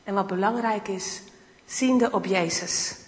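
A woman's voice: medium pitch, measured pace. A woman giving an enthusiastic guest sermon, acting out Bible dialogue as she speaks. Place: church hall. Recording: reverberant hall.

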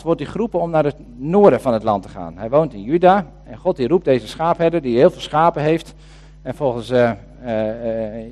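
A man preaching a sermon in a conversational way, pausing with hesitations and reading scripture passages with emphasis. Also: a little high, a little mellow.

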